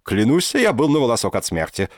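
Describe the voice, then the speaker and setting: A man voicing an excitable, theatrical professor in his sixties who rolls his R softly, in an audiobook. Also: mid-range voice, brisk, dry recording, studio quality, pitched above the performer's own voice. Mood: theatrical haggling. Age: 60s. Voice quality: soft burred R. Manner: theatrical, exclamatory. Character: excitable old male professor, theatrical and haggling. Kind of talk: audiobook character voice.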